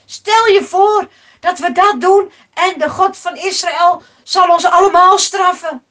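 A woman voicing frightened male sailors who shout loudly and urgently during a storm in a children's story. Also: extremely high pitch, takes it slowly, pitched above the performer's own voice, heavily acted. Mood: fearful. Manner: loud, urgent calling out.

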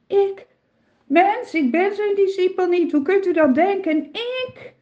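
A woman's voice: high voice, slow pace, highs cut off. A woman doing frightened disciple Peter. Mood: panicked denial. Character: frightened grown male disciple Peter, anxious.

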